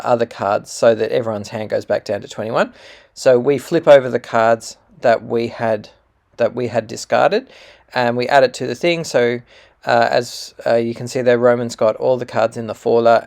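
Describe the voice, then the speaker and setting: A man's voice: medium pitch, vocal fry, darkish tone. A man patiently explaining a card game hand as he plays, with fillers and self-corrections.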